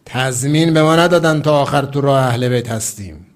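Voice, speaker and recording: A man from Iran, a cleric, telling a story in a sermon, dropping to hushed asides and then rising to loud, emphatic declarations. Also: medium pitch.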